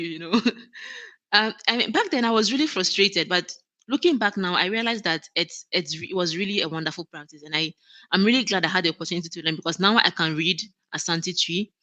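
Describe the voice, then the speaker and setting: Lowish and pushed, her voice has a bright quality. The speaker is a woman guest, an operations manager, in a conversational interview, talking earnestly with frequent restarts and laughing easily.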